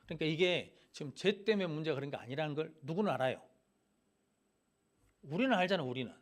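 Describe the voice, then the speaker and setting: A man's voice: on the high side, expressive, fast. A middle-aged male pastor preaching a Wednesday sermon, firing rhetorical questions at the congregation and acting out Bible characters in casual speech.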